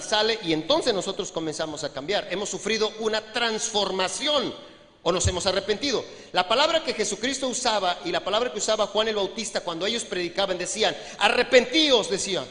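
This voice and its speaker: A man's voice: sits high, fairly bright tone. A man preaching a sermon as pastor, conversational and joking, talking to the congregation and acting out little scenes. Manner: conversational, humorous preaching with frequent asides to the congregation; acts out little scenes with voices. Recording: long hall reverb from a church.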